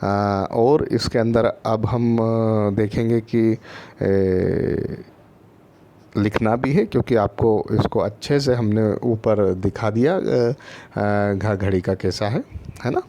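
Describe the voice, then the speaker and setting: A man's voice: on the low side, fairly even intonation, slow, mellow. Patient man teaching small children. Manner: patient, repetitive, often checks in with listeners. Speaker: primary school teacher. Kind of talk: online lesson for first graders.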